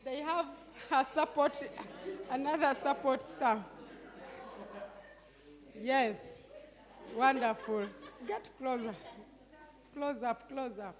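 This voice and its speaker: High-voiced older woman leading a workshop. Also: fairly even intonation, slow, long pauses, a faint crowd. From Uganda. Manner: coaxing, directing people with frequent "eh?" tags. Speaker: workshop facilitator. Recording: long hall reverb.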